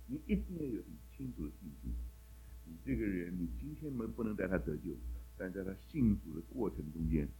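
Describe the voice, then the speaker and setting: A man's voice: sits low, sing-song, brisk, mellow, a little hiss or hum, rough recording. A man teaching a Bible class in a sermon style, asking the class one question after another and mixing English words into his talk.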